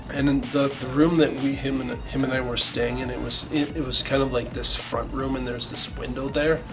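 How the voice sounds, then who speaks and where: A man's voice: mid-range voice, steady tone, moderate pace, rough recording. A middle-aged man casually telling a band story, rambling and swearing a lot with many restarts. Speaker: band member recalling the band's origins. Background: music.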